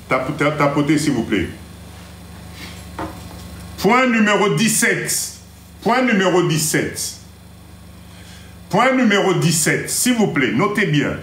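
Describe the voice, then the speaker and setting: A man with a fairly high voice hosts a motivational live stream. He talks in an animated way, drops into Lingala, and mimics other people. The sound is roomy and echoey. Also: slow, pauses often, a little hiss or hum. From Congo-Kinshasa. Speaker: live stream host giving motivational advice.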